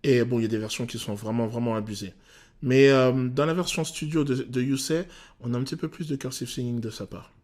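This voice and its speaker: A male vocal coach talks through a song's technique in detail, often pausing on "euh". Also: mid-range voice. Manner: technical and animated, many "euh" pauses. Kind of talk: explanatory song analysis.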